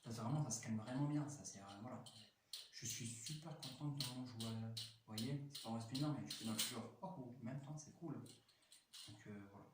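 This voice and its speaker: A man's voice: medium pitch, normal speed. A man chatting casually while reviewing a toy, rambling with lots of fillers and restarts, enthusiastic. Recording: very echoey room, mic at a distance, faint noise.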